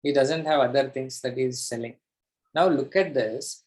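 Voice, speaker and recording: A man's voice: medium pitch, normal speed, a little mellow. A man with an Indian accent teaching a live online class as a coach, pushy and emphatic, repeating phrases for effect. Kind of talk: live interactive teaching, mixing English and Hindi.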